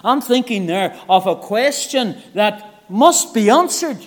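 A man preaching an evangelistic sermon in a church meeting. He is earnest, moving between soft, low asides and loud, emphatic appeals. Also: lively intonation, takes it slowly. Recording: long church hall reverb.

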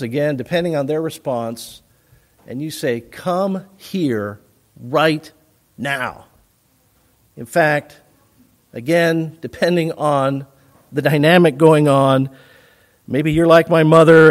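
A man, a pastor, preaching a sermon in a measured teaching tone and slowing down to stress key words. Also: a little high.

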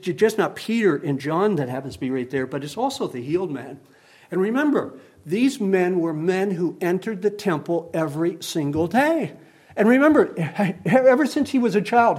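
A man preaching a sermon, emphatic and repetitive, moving between loud declarations and quieter reflective stretches. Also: on the high side.

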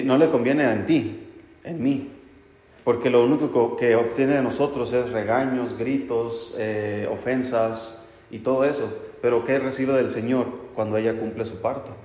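A man's voice: mid-range voice, darkish tone. A man preaching a conversational sermon, speaking plainly to the men and often checking in with "right?". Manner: plain, talks straight to the men, keeps asking "¿verdad?" and "¿sí?". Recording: echoey hall reverb.

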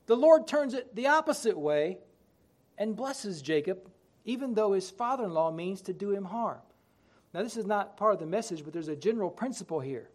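High-pitched male preacher delivering a sermon. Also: lively intonation, moderate pace. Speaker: pastor preaching to a congregation. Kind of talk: sermon with King James scripture reading.

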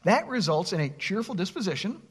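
Male pastor, sermon delivery; husky, slightly high voice with a very lively pitch that swings up on questions. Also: fairly quick. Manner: animated preaching, reads scripture aloud, rhetorical questions.

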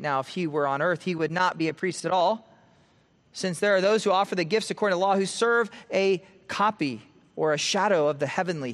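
A male pastor delivers an expository sermon in a church sanctuary. His voice sits a bit high and climbs on emphasized words before falling quiet at the close of phrases. The sound carries a long, hall-like reverb. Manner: animated preaching, rising emphasis and dropping to quiet at phrase ends.

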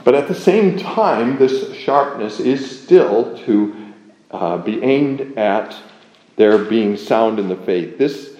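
A man preaching an expository sermon, earnest and measured, reading scripture aloud and leaning hard on key words. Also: mid-range voice, animated, warm tone. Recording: dull, echoey room sound.

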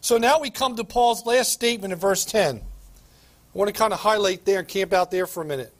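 High-voiced preaching pastor. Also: male voice. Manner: emphatic preaching with dramatic pauses and repetition. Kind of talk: sermon.

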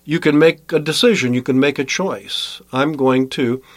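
A man preaching a sermon as a pastor, emphatic, with sharp rises in pitch on key words. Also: steady tone, moderate pace, dry recording.

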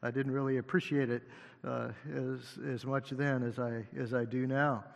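Pastor at a pulpit mic, reverberant church. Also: male voice, medium pitch, level tone, creaky. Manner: unhurried, halting with frequent fillers, gently joking. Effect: at a pulpit microphone. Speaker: associate pastor. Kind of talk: sermon. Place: church sanctuary. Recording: long hall reverb.

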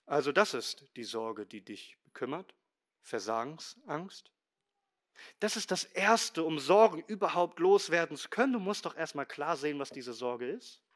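A middle-aged man preaching a sermon as pastor, emphatic, swinging between loud stressed lines and quiet low asides. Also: animated, moderate pace.

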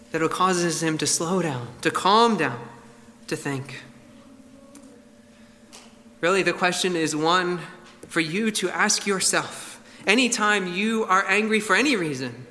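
Man, preacher, earnest and emphatic sermon, bright ringing tone, long hall reverb. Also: on the high side, slight background noise. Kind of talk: expository sermon.

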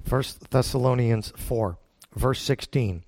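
In a slightly mellow mid-range voice, a man preaches a Bible-teaching sermon in a folksy, plain-spoken manner. He is emphatic, using deliberate pauses and rhetorical questions.

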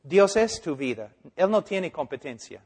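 Male preacher, high voice, unhurried delivery, drops to near-whispers and builds to shouts. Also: big pitch swings, husky. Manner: swings from hushed to loud and emphatic. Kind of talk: sermon.

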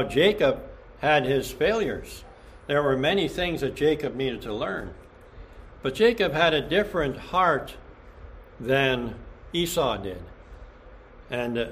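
A middle-aged male pastor gives a Bible study sermon in church. His voice sits at an ordinary middle pitch, and his teaching is earnest and plainspoken. A faint hiss stays under his words.

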